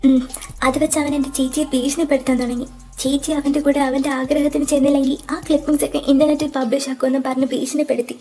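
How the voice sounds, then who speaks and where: A tearful young college woman, loyal to her sister, played by a woman. She has a high, mellow voice. She speaks softly and hesitantly in a fan audio drama. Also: level tone, quick pace, faint music behind. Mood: grave telling.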